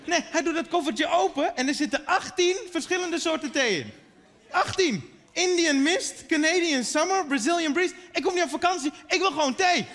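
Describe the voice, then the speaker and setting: A man in his thirties doing a stand-up routine on a theater stage into a stage microphone, animated and acting out his relatives. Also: very high-pitched, moderate pace. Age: 30s. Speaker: stand-up comedian. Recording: echoey theater hall.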